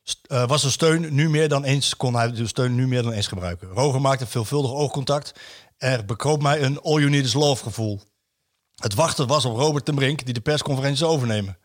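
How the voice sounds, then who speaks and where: A man's voice: medium pitch, fairly quick. Man reading a column aloud. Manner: hesitant, many fillers, chuckles while reading. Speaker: football radio show host.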